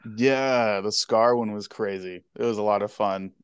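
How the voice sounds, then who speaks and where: A man in his twenties, guest in a casual interview, talking in an easygoing, halting way. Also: fairly low pitch, steady tone, clean tone, dry recording, studio quality. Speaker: guest Twitch streamer and cosplayer.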